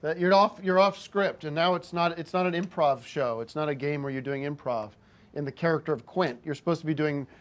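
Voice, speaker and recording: A man's voice: on the high side, fairly quick. A man hosting a comedic show, pushy and interrupting as he gives direction. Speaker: host.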